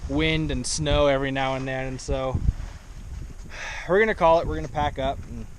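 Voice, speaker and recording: A man's voice: medium pitch, steady tone, moderate pace, poor audio. A young man vlogging from a fishing trip, talking casually and poking fun at himself into a handheld camera by a stream. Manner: self-deprecating, chatty. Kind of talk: casual outdoor vlog narration. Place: outdoors by a stream in snowy, windy weather. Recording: wind and outdoor noise behind.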